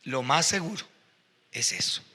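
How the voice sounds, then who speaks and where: A man's voice: medium pitch, animated, a little slow, bright, forceful tone, big-room sound. A male pastor preaching a sermon, telling stories with growing emotion and fervor. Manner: emotional, storytelling with rising fervor. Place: church hall.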